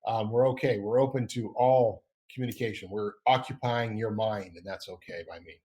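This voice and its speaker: Speaking in a lowish, dark-toned voice at a moderate clip, a middle-aged podcast host chats casually. He stays upbeat while rambling and often revises his own words as he goes.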